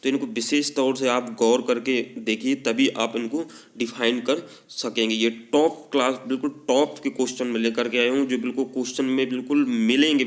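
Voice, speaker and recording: A man teaching a Hindi spelling lesson for exam practice. He talks with a north Indian Hindi accent, drags out the example words, and leans on the filler "हमारा" again and again. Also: medium pitch.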